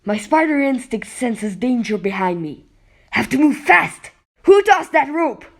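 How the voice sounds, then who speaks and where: Woman voicing a cocky teen boy hero, lively pitch. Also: measured pace, heavily acted. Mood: alert. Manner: brash, talks to himself dramatically. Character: cocky wisecracking teenage boy superhero. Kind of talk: amateur comic-book dub.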